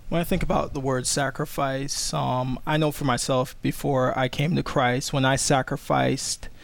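A man's voice: medium pitch, little pitch movement, normal speed, gravelly, no echo. A man from Washington, D.C. on a panel, leading a prayer and speaking earnestly. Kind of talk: prayer and reading, then discussion.

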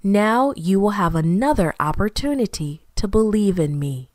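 A woman voicing a calm, kind male teacher, speaking softly and steadily in a slightly lowered voice. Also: moderate pace, no room sound, studio quality, natural voice. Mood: gentle. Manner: soft, lowered, steady delivery.

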